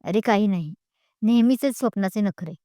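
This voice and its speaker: A playful young heroine in an audio story who teases her friend with a smile in her voice, voiced by the woman narrator. The sound is mellow and smooth, close and dry. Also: mid-range voice, brisk, no room sound, lightly acted. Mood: teasing. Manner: teasing, laughing as she talks.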